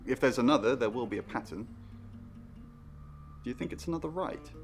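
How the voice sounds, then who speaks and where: A man's voice: lively intonation, fairly quick, music in the background, close to an everyday voice. An actor playing an uneasy male investigator in a game, speaking in a worried, earnest way. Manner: worried, earnest and low-key. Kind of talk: game character dialogue.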